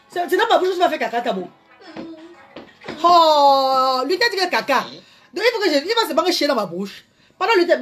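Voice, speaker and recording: A woman doing a live rant to her followers, theatrical, slipping into mock crying and swinging from loud outbursts to hushed asides. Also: a little high. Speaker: social media personality.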